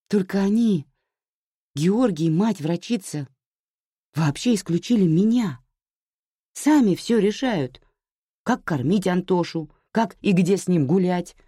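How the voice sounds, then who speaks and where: A woman reading a story aloud, voicing an exhausted young mother who pleads and then shouts in distress. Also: lowish voice, husky, no echo, studio quality, voice pushed up, exaggerated voice.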